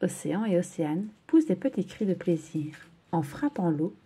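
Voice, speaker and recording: A woman reading a children's story aloud in a gentle, expressive way. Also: fairly low pitch, normal speed, slightly rough.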